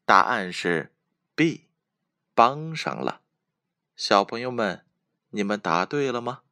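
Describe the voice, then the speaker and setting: Slow, sing-song male storyteller. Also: fairly low pitch, sing-song, no room sound, clean studio sound. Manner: gentle, slow, sing-song questions to children. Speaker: children's storyteller. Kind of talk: bedtime story reading for children.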